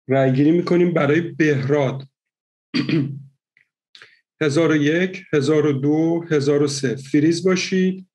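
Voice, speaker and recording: A man hosting an online party game, counting out votes slowly and methodically. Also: a little high, a little mellow. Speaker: game host.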